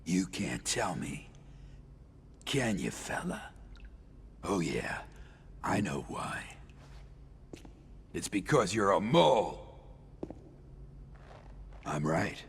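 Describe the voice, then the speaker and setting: A man's voice: deep voice, sing-song, extremely slow, gravelly, long pauses, a little hiss or hum, pitched below the performer's own voice, heavily acted. A man voicing a paranoid, menacing male soldier boss in a game commentary, needling and dropping to whispers. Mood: suspicious. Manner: suspicious, needling, shifting to whispers.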